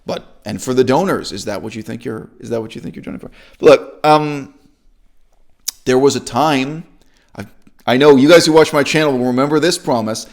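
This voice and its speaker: A man giving an opinionated, sarcastic monologue as a channel host, emphatic and animated. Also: normal speed. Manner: sarcastic, emphatic, lively swings of pitch. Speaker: YouTube commentator.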